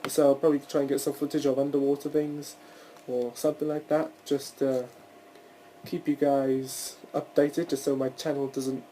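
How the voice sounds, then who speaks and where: Rambling young man with a mellow voice. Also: medium pitch, flat delivery, moderate pace, a little hiss or hum, rough recording. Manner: rambling, swears, restarts often. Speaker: podcast host. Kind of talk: casual solo podcast chat.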